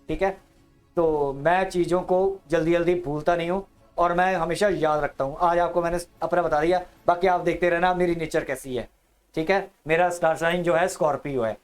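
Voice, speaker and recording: A man co-hosts a casual podcast in a high, smooth voice. He talks bluntly and chattily straight to the listeners. Faint music runs behind him. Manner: blunt, chatty, direct address.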